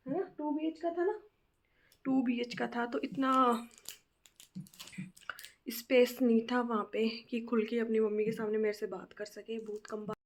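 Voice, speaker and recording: A young woman vlogging casually at home, hoarse from a cold and laughing often as she chats. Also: on the high side. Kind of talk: casual home vlog chat. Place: bedroom at home.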